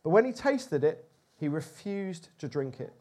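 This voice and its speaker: Male preacher, high-pitched, expressive sermon storytelling. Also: measured pace. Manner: expressive, animated, with rising emphasis.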